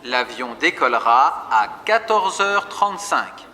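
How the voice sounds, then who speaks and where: A man making formal, measured announcements over a PA system, reading scripted notices. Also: medium pitch, very animated, sharp tone. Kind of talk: scripted public announcement for a listening exercise. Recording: long reverb, faint crowd behind.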